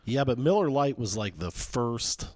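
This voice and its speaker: A man's voice: medium pitch, animated, unhurried, a little mellow, no room sound, studio quality. A man co-hosting a podcast, chatting casually with many restarts. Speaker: podcast co-host. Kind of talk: casual chat.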